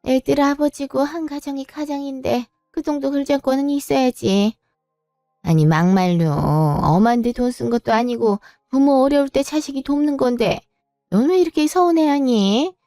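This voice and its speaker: A woman's voice: high voice, normal speed, dark tone, no echo, clean studio sound, soft background music. A woman voicing a reproachful, pushy middle-aged mother-in-law who talks down and scolds in a story reading. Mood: scolding.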